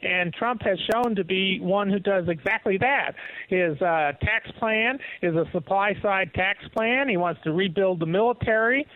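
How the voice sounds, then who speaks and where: High-voiced man talking over the phone. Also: unhurried, no echo. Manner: assured, with frequent "uh" fillers. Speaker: guest author calling in. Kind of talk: political talk radio interview. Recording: tinny phone line.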